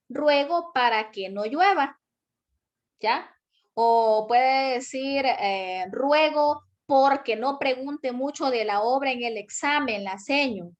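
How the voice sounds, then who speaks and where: A woman teacher giving an online grammar lesson, explaining step by step and repeating example sentences slowly. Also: sits high.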